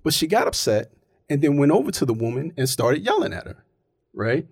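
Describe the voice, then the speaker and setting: A man's voice: fairly high pitch, big pitch swings, fairly quick, darkish tone, breathy edge, no echo, studio quality. A man in casual, opinionated chat, arguing his point emphatically and often checking in with "right?".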